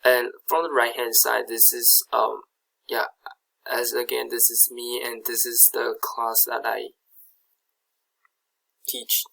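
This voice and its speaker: A young man from Taiwan, a native Chinese speaker with a Taiwanese accent, gives a hesitant slide presentation, filled with fillers and restarts and frequent pauses. He talks slowly in a mid-range voice with vocal fry, a sharp tone, and little pitch movement. The recording is rough.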